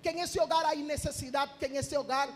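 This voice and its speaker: A man's voice: very high-pitched, fairly even intonation, a little fast. A man preaching a sermon at a church retreat. He reads scripture aloud and calls out fervently for amens and praise.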